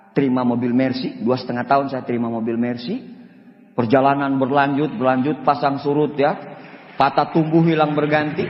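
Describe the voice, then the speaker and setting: A man giving a live motivational talk, telling stories in an animated, joking way. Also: medium pitch. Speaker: motivational speaker. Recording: echoey hall, dull lo-fi sound.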